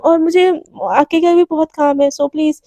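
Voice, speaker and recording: A wounded young woman in a storybook romance pushes others away with quiet, firm refusals, spoken by a woman narrator. Her voice is high and mellow, heard dry and close. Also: steady tone, normal speed, dry recording, close to an everyday voice. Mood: guarded. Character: hurt, reserved young woman office worker.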